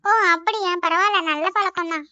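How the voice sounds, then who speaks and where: Woman doing a bossy cartoon tamil mom who scolds a lot, high bright voice, dry sound. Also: fairly quick, no room sound, muffled recording. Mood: kindly. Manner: scolding, blunt insults. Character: scolding Tamil mother, sharp-tongued and harried.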